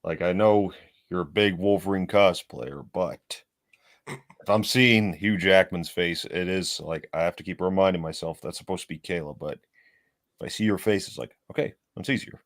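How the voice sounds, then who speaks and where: A male co-host with a low voice offers dry, measured comments. He speaks in a relaxed, deadpan way during casual podcast talk.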